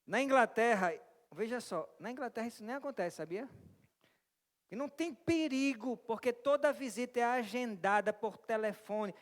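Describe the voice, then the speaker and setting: Um pastor brasileiro pregando e fazendo perguntas à congregação, com um jeito animado e bem-humorado. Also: male voice, very high voice, normal speed. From Brazil. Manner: lively, asks the congregation questions and jokes with them. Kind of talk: interactive sermon. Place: church hall. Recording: long church reverb.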